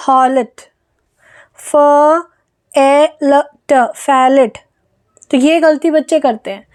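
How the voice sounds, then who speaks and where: High-voiced woman teaching phonics. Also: dark tone. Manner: slow, deliberate sounding out of letters. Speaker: online English phonics teacher. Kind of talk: online phonics lesson.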